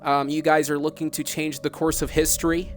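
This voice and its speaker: Over background music, a broadcaster with a slightly high male voice conducts a phone interview, speaking a little fast with little pitch movement. Earnest and insistent, he stays polite in form yet sounds reproachful while pressing long, challenging questions.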